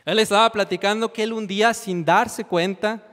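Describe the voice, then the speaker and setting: A man preaching a sermon, telling a story and slowing down to press his points home, recorded in an echoey church hall. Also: high-pitched, steady tone, a bit bright. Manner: storytelling, slows down and presses for emphasis.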